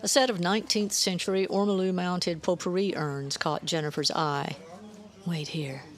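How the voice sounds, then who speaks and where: A woman author narrating her own story in a measured, even reading. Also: fairly low pitch.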